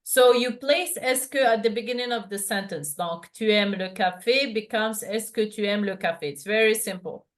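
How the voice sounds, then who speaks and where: A woman's voice: mid-range voice, moderate pace, hardly any pauses. A woman teaching a one-to-one lesson over a video call, explaining patiently with many fillers and restarts. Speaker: French tutor.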